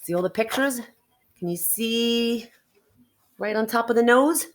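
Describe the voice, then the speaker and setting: Here a woman with a voice on the high side reads a children's picture book a little slowly. She's lively and expressive, stretching words out for emphasis and turning to the kids with chatty remarks and questions.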